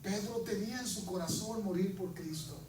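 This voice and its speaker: A high-pitched male pastor preaches with fervor, calling on his congregation to repeat after him and acting out little dialogues. His voice rings through an echoey church hall, picked up from a distance. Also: moderate pace, noisy background. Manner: fervent, leads the congregation in call-and-response; acts out prayers and dialogues in shifting voices. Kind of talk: preaching sermon.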